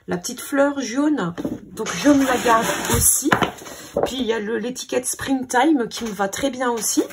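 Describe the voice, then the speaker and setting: A woman's voice: fairly high pitch, a little slow, heavy background noise. A woman hosting a scrapbooking video, thinking aloud in a hesitant, casual way as she sorts her papers. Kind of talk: casual crafting commentary.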